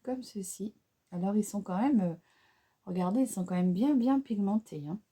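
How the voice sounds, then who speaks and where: A woman's voice: mid-range voice, moderate pace, mellow, husky. A woman with a French accent chatting through a makeup tutorial, hesitant and casual, with many fillers and restarts. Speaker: beauty vlogger.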